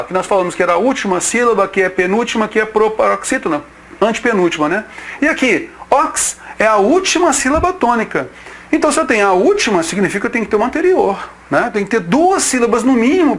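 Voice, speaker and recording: A man's voice: high voice, fairly bright tone. A man teaching an exam-prep grammar lesson, casual and direct, reading out example words one by one and checking in with the listener. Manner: informal, checks in with "tá ok?".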